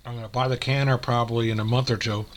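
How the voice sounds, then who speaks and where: A man talking casually to his camera while eating, frank and rambling, with many pauses and fillers. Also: mid-range voice, little pitch movement, a little hiss or hum. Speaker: vlogger. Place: home room.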